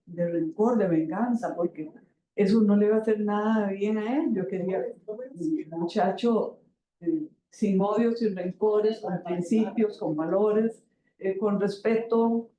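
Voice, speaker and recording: An older woman giving a halting personal testimony as a panel guest, pausing often with fillers and repeated words, in a university auditorium. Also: mid-range voice, mellow. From Costa Rica. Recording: echoey auditorium.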